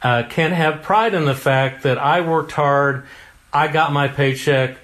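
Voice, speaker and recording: A man's voice: on the high side, a little slow, a bit bright. Folksy male congressional candidate. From Oklahoma. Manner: folksy and earnest, with homespun exclamations. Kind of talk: interview answers.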